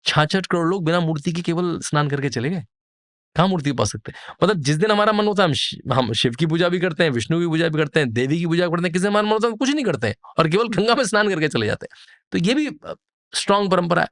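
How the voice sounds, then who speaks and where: A man's voice: a little high, lively intonation, fast talker, fairly bright tone, no echo, studio quality. A man, a podcast guest, explaining traditions in a vivid, descriptive way and building scenes with lists. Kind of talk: explanatory storytelling interview.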